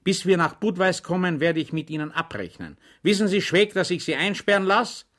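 A man voicing an irascible army first lieutenant who shouts at his orderly in exasperation. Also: high voice, lively intonation, moderate pace, voice pushed up. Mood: furious.

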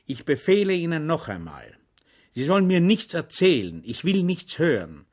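A man voicing an irascible army first lieutenant who shouts at his orderly in exasperation. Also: a little high, huge pitch swings, normal speed, voice pushed up. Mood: furious.

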